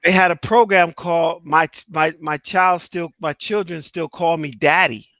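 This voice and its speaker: A middle-aged man hosts a conversation, sharing his life story in an earnest, testimonial way and repeating phrases for emphasis. His voice sits a little high for a man. The sound is dry and slightly dull. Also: steady tone, moderate pace, fairly bright tone, no room sound. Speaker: host. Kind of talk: casual interview talk.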